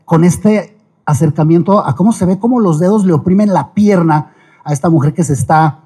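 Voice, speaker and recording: A middle-aged man with a Mexican accent giving a lively, folksy talk on ethics, full of quick asides and jokes. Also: on the high side, husky. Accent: Mexican Spanish. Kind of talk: lecture-style public talk.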